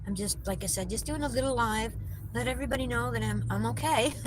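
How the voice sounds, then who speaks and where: A woman's voice: fairly high pitch, quick pace. A woman chatting casually to her viewers on a phone livestream while she drives, answering their comments as she goes. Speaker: vlogger livestreaming while driving. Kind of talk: casual live chat to viewers. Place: in a car on the road. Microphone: phone mounted in the car. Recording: loud car and road noise.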